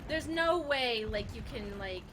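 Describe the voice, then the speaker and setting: A woman's voice: a little high, expressive, a little slow, fairly bright tone. A woman streaming a game, chatting casually in a slangy, joking way and swearing freely. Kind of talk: casual live-stream gameplay chat. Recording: game sound noisy behind voice.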